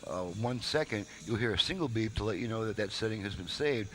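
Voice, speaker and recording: Fairly low in pitch yet bright, the man's expressive voice moves fairly quickly. Posing as a radio repair technician, he gives an off-the-cuff, folksy, step-by-step demonstration of a product while radio audio plays in the background.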